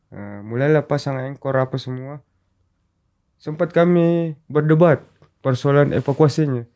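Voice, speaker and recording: A man's voice: mid-range voice, a little slow. A man recounting a mountain rescue in a casual interview, acting out quoted dialogue as he tells it. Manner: animated storyteller, acts out quoted dialogue. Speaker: rescue volunteer guest.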